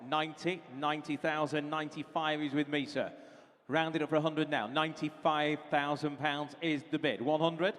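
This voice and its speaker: A man's voice: on the high side, little pitch movement, moderate pace, fairly bright tone. A British man working as an auctioneer, calling bids in a running patter of repeated figures and prompts to bidders. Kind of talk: live auction calling, running bid chant. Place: large reverberant auction hall. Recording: reverberant hall sound.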